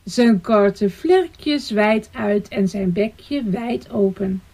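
A woman reading a children's story aloud, expressive and sing-song. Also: medium pitch, creaky. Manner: slow, lively and sing-song.

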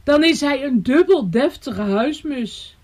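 A woman voicing a proud, fussy mother house sparrow in a storybook reading, speaking in a high, prim voice. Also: expressive, slow pace, a little mellow. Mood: proud eager.

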